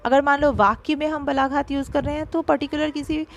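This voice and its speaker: A woman teacher giving an online grammar lesson, talking straight to her pupils and slowing down to spell out sounds. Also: high voice, steady tone, slight background noise. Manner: explanatory, addresses pupils directly, stresses syllables slowly.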